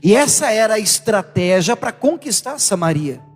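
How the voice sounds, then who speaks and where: Brief: high-pitched male Brazilian preacher, emphatic sermon delivery, reverberant church hall. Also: normal speed, faint music behind. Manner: animated, emphatic, with rhetorical questions to the congregation. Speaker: pastor.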